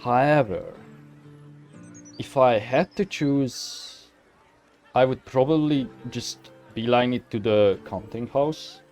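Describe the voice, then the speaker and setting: A man hosts a game playthrough in a mid-pitched voice. He talks casually and informally, rambling and correcting himself as he goes. Faint music sits behind him. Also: slow, a little mellow. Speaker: gaming video host.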